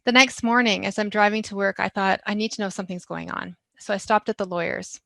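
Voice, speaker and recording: A woman's voice: medium pitch, fairly even intonation, fast, vocal fry, pushed and bright, no echo, studio quality. A woman giving a candid, emotional talk that tells a hard personal story. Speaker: speaker.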